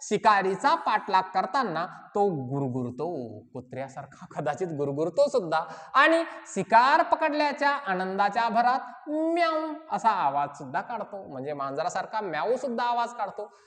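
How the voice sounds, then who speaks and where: A woman's voice: mid-range voice, sing-song, moderate pace, few pauses. A woman teacher explaining a reading passage to children, asking them questions and answering them herself. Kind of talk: exam-prep lesson for children. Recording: long hall reverb.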